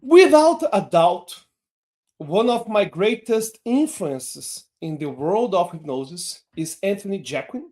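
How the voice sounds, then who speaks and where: A man whose native language is Portuguese gives an online hypnosis lesson in English. He speaks very slowly and deliberately, his voice swooping up and down in pitch.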